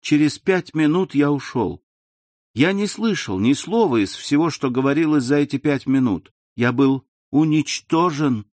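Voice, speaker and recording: A man reading a classic novel aloud in a measured, expressive way. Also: a little high, dry recording, studio quality. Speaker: audiobook reader.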